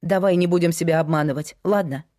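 A frank young woman who says what she means, read by a woman narrator. Her voice is lowish and plain, close to the reader's own. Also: quick pace, dark tone, natural voice. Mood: firm.

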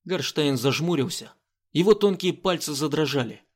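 A man's voice: on the high side, lively intonation, normal speed. A man narrating an audiobook, reading steadily and voicing the dialogue. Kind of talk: scripted narration.

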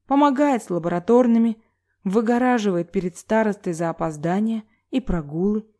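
A woman's voice: mid-range voice, normal speed, warm tone, natural voice. A woman voicing a young female student musing sourly to herself. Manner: sour, inward musing.

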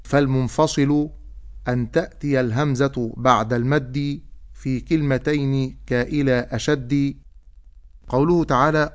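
A man teaching Quran recitation, explaining rules and then reciting example words slowly and drawn out. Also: medium pitch. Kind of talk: tajweed lesson with recited examples.

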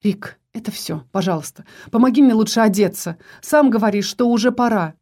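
A woman reading the part of a weary young wife who answers softly and sighs, in a mellow voice close to her own. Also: fairly high pitch, brisk. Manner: soft, sighing replies.

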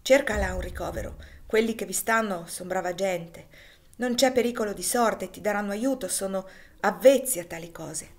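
A woman reading a gruff kindly old farmer. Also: medium pitch, normal speed, close to an everyday voice. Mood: kind reassuring. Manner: rough but kind, reassuring. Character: gruff kindly farmer, middle-aged man.

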